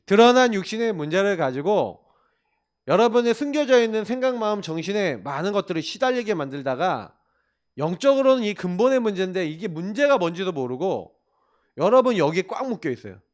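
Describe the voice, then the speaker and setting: A man's voice: sits high, very animated, brisk. A male pastor giving a sermon in an emphatic, conversational way, asking the listeners rhetorical questions. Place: church.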